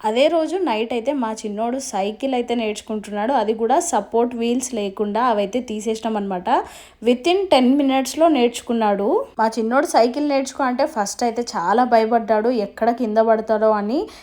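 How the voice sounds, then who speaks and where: A woman, a vlogging mother who gently coaxes and soothes her child, then chats to the camera. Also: fairly high pitch, brisk, faint music behind. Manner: gentle, coaxing.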